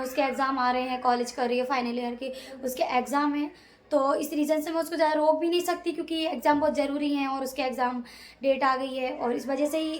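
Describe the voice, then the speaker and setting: A young woman, chatting casually to her viewers in a vlog. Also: high voice. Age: young adult. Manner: talks to viewers directly, chatty and emotional. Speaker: vlogger. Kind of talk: casual chat to camera.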